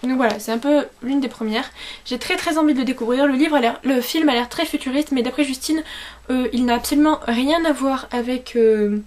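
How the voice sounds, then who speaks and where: A young woman with a high voice presents books in a casual vlog. She talks informally and emphatically, as if chatting with her viewers, often rephrasing as she goes. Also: fairly quick, darkish tone. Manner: informal, self-correcting, emphatic with repeated intensifiers. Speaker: book vlogger.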